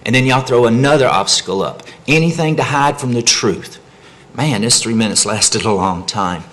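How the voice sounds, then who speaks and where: A man's voice: moderate pace, a bit bright, slight background noise. A man giving an impassioned public comment at a meeting, pleading and agitated, speaking into a podium microphone. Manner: pleading, agitated, pitch climbing as he grows upset.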